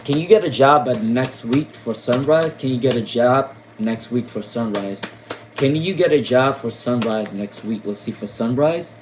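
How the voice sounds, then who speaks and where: A man's voice: mid-range voice, slight background noise, rough recording. A man from Rhode Island giving casual tarot readings on a live stream, repeating names and questions with many fillers. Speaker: tarot reader.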